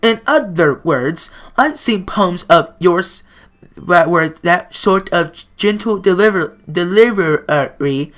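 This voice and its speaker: Man putting on a slow robotic teenage club president. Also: high-pitched, exaggerated voice. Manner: slow, even, mechanical reading.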